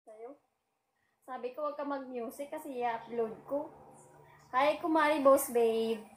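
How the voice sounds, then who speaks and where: A woman's voice: high-pitched, measured pace. A woman, filming at home and insistently repeating herself to her husband. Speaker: wife filming the video. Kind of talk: casual bickering banter.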